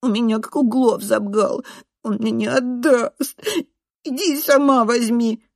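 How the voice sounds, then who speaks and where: Whiny high-pitched schoolboy with burred r, sobbing, as a woman puts him on. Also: a little slow, no echo, clean studio sound. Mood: whining. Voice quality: burred r, nasal whine. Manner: shrieking, sobbing.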